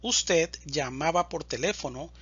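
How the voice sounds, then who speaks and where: A man teaching Spanish, slowly and deliberately reciting verb conjugations in a drill. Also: on the high side, animated, fairly bright tone, husky, lo-fi sound. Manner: deliberate, enunciates each word.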